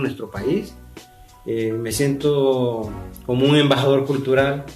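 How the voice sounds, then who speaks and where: A man from El Salvador with a Salvadoran Spanish accent, speaking earnestly and haltingly about his work, often repeating words. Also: mid-range voice, darkish tone. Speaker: interviewee artist. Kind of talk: recorded testimony. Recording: roomy, distant mic, faint music.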